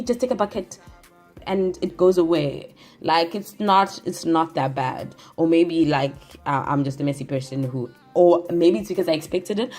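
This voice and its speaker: A woman's voice: low-pitched, darkish tone. A woman hair blogger with a cold, talking in a chatty how-to vlog with a nasal voice and many fillers. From Africa.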